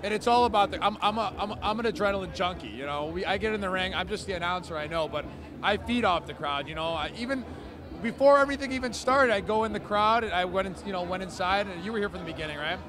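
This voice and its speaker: Male ring announcer, high-pitched, enthusiastic and conversational, giving a casual interview with crowd noise behind. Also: fast talker. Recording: outdoor urban crowd and traffic noise.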